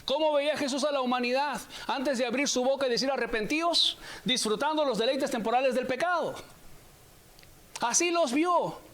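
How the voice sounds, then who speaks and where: Preaching a sermon in a very high-pitched, slightly bright voice, this man speaks with emphasis. He repeats phrases and draws out key words slowly to give them weight.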